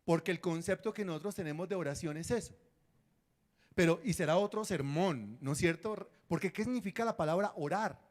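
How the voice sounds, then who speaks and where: A man's voice: high voice, a little fast. A man preaching a sermon as pastor, acting out prayers and dialogues and quizzing his congregation.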